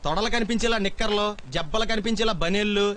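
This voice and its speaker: A man's voice: sits high, fairly bright tone. An actor playing a fussy young male servant who rants comically. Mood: ranting. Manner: rapid comic ranting.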